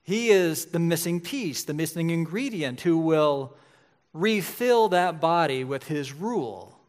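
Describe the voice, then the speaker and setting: A man's voice: fairly high pitch, lively intonation, measured pace. A man in his forties preaching a sermon in a conversational way, often checking in with "right?". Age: 40s. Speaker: pastor.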